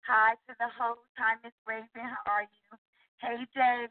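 A woman with a fairly high voice calls in over a thin, tinny phone line that keeps breaking up. She greets everyone by name in a friendly way. The sound is dry and close, with no room around it. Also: level tone, moderate pace, no room sound. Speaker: regular panelist calling in. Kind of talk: casual call-in chat. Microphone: phone call.

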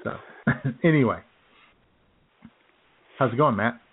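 Over a tinny, phone-like line, a small-town host runs a relaxed internet radio chat from his home studio, chuckling often. He speaks slowly in a medium-pitched, slightly rough voice.

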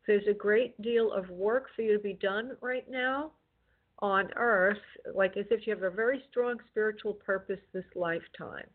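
A woman hosts spirit readings for callers in a gentle, consoling manner, addressing them with affectionate endearments. Her voice sits at a middle pitch. The sound is narrow and tinny, like a telephone line. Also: moderate pace. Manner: gentle, consoling, using endearments like love and honey. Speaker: psychic medium hosting a call-in show. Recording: tinny phone-like call-in audio.

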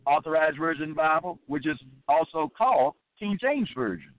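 A man's voice: on the high side, big pitch swings, dry recording. A man teaching from scripture in an emphatic monologue, repeating key phrases and stretching out quoted verses. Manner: drags out scripture quotes slowly. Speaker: Bible teacher. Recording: dry, tinny phone-like sound.

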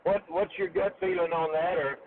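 A man calls in over a conference phone line and chats politely. His voice runs high and sounds thin and tinny. A crowd can be heard clearly behind him. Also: fairly even intonation, moderate pace. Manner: polite and chatty. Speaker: caller. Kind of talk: casual phone call talk.

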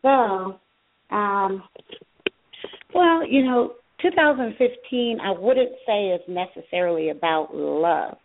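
A woman's voice: mid-range voice, expressive, slow pace, creaky. A woman co-hosting a call-in tarot reading, reassuring and checking in with the caller. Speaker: tarot reader, co-host. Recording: tinny phone line.

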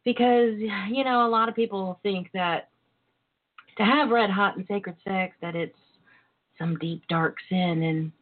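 A woman's voice: medium pitch, fairly even intonation, unhurried. Female radio host, flirty and coquettish, lingering on words, heard through a tinny phone-quality line. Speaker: radio talk show host. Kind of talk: flirty casual radio monologue. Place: internet call-in radio show over a phone line.

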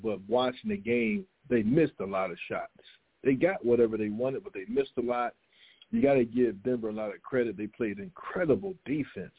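Creaky-voiced man on tinny phone audio. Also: mid-range voice. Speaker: sports show panelist. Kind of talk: casual sports commentary.

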